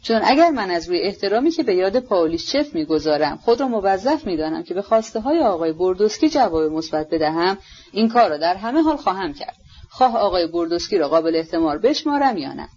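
Woman reading as an earnest gentle prince. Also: on the low side, very animated, breathy edge, muffled recording. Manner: earnest, pleading. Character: earnest, gentle young prince, eager to persuade.

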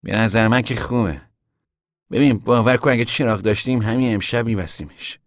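A man's voice: on the low side, fairly even intonation, no room sound, clean studio sound, close to an everyday voice. A male narrator voicing a blunt, impatient young man who talks in a scolding, brusque way.

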